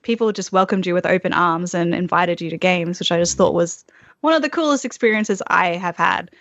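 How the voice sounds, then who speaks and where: A woman's voice: on the low side, a little fast, fairly bright tone, dry recording, dull audio. A woman co-hosting a podcast, chatting casually and rambling with many fillers. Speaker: podcast co-host, game master. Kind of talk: casual chat.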